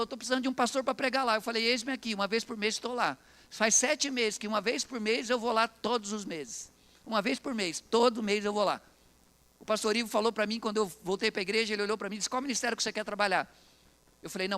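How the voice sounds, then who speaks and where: A Brazilian man preaching a sermon to his church, lively and animated, telling stories and acting out quotes. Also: very high-pitched. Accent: Brazilian Portuguese. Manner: animated, preaching with acted quotes and jokes to the congregation. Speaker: pastor.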